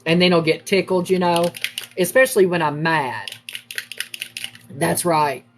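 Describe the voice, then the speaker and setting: A middle-aged woman tells family stories to her livestream viewers while she works on a craft project. Her voice sits a little low, and she talks in a casual, lively way, jumping up in pitch when she acts out other people. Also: measured pace, background noise. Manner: lively, acts out quoted family members with big pitch jumps.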